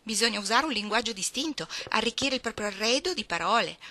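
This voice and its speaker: A prim, pouting little girl with a haughty, complaining manner, as a storybook reader gives her a voice. Her tone is bright and lifted a little. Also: on the high side, animated, fast, voice pushed up.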